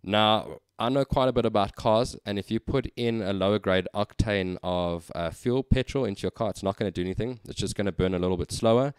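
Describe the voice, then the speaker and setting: Deep-voiced man telling a story. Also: fairly quick, hardly any pauses, clear, resonant tone, no room sound. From South Africa. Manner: conversational anecdote with frequent ums. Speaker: vlogger. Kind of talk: casual storytelling.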